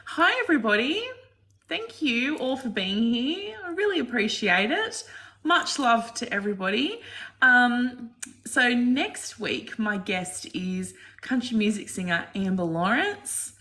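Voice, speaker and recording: A woman hosting a casual chat show, affectionate and warm with her guest, calling him darling and sweetheart. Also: a little high, big pitch swings, measured pace. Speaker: host.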